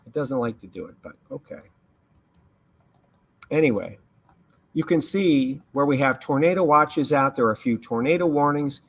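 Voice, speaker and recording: A man's voice: medium pitch, animated, moderate pace, pauses often, fairly bright tone. A man giving live severe weather commentary as a livestream host, explaining emphatically and repeating key points. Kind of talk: live hurricane commentary over radar.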